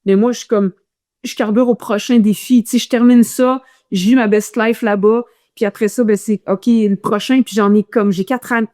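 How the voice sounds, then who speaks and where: A woman with a Quebec French accent, a runner telling a guest's stories in a casual interview, animated and full of restarts. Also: fairly high pitch, normal speed.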